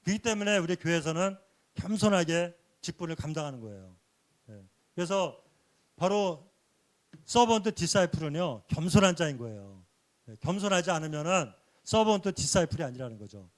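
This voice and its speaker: A man giving a sermon-like church lecture, earnestly explaining points and dropping a soft affirming "yes" between phrases. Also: a little high, lively intonation, brisk. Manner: earnest, explanatory teaching with rhetorical questions.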